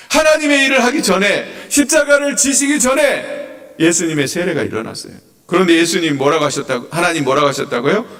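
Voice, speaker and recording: A man preaches to his congregation in an animated way and keeps asking them questions. His voice sits a little high and rises and falls a lot. The sound carries the long echo of a church hall. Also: recorded from a distance. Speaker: pastor. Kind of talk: sermon. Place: church sanctuary.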